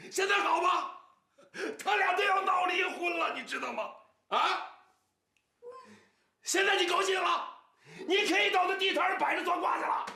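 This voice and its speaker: An actor playing an older man, an anxious father who longs for grandchildren, lamenting and sometimes shouting. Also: low-pitched, very animated, moderate pace, vocal fry, long pauses, breathy edge, full character voice. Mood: angry. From Northeast China. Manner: lamenting, bursts into angry shouting.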